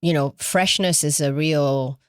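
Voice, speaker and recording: A woman's voice: deep voice, measured pace, clean tone, no room sound. Chatty woman podcast co-host, dry sound. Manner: chatty, laughs often, trails off mid-sentence. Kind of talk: casual travel chat.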